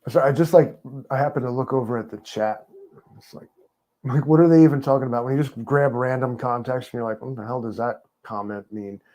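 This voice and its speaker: A man talks as an interview guest, loose and rambling, full of fillers and sarcastic jokes. His voice is mellow and dark, sitting at an ordinary pitch for a man. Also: brisk. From New York. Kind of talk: casual interview chat.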